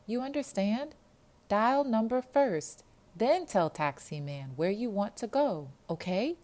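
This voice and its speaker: A woman's voice: mid-range voice, animated, slow pace, a little mellow, pitched above the performer's own voice. A woman voicing a young refugee girl who speaks careful, formal, polite English.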